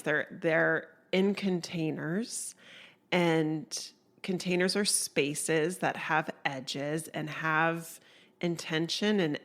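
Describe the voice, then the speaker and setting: Woman, congested, low voice, slow pace, reflective podcast host, soft musing delivery. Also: creaky. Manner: soft, musing, laughs often. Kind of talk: reflective solo podcast talk.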